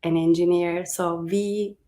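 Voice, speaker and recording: A woman's voice: on the low side, level tone, unhurried, dark tone. A woman in her thirties from Turkey, a coach speaking as a podcast guest in casual talk, articulate and often using "like". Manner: articulate, uses "like" as filler. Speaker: guest, high performance coach.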